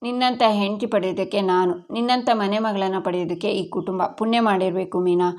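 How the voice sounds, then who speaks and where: A woman reading as a gentle young husband. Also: mid-range voice, fairly even intonation, a little fast, close to an everyday voice. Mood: comforting. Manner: pleading, comforting.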